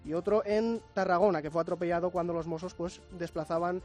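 A man, giving a clear, factual news briefing on a radio show. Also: sits high, steady tone, a little fast, darkish tone, faint music behind. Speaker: news desk reporter. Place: radio studio.

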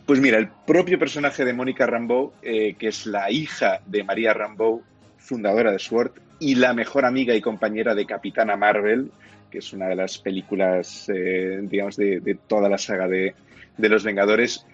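Low, husky Castilian man reviewing on radio. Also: steady tone, normal speed, lo-fi sound, faint music behind. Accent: Castilian Spanish. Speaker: television and film reviewer.

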